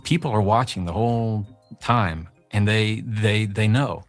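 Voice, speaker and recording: A man's voice: fairly low pitch, unhurried, faint music behind. A man giving conversational advice in an earnest way, leaning on rhetorical questions. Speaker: talk guest in a played video.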